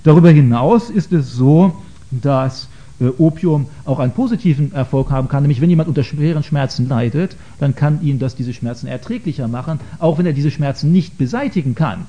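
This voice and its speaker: A man giving a lecture on faith to an audience, earnest and hesitant, often pausing with filler sounds. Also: mid-range voice, mellow. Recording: dull lo-fi recording.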